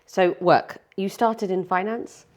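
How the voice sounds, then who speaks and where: A woman's voice: medium pitch, steady tone, takes it slowly. A woman hosting an interview, effusive and enthusiastic in her questions. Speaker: interviewer, host.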